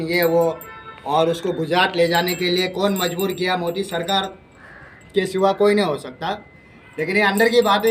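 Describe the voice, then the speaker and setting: Man, high voice, ranting vlog monologue, slightly distant mic, faint background noise. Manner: emphatic, ranting, repeats himself. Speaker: vlogger. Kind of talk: political monologue to camera.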